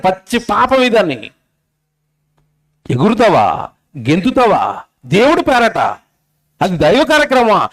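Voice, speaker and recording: A male preacher with a Telugu accent gives a sermon at a convention, his voice very high and smooth. He presses his listeners with one insistent rhetorical question after another, scolding as he goes. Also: a bit bright. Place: convention stage.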